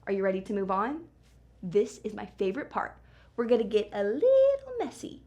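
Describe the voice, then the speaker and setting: A woman's voice: medium pitch, wildly swooping pitch, a little mellow. A woman hosting a children's craft show in a singsong, exaggerated way, explaining simply and encouragingly as she speaks to young viewers. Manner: singsong, exaggerated kids-show delivery with questions and pauses for the viewer. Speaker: host of a children's art show.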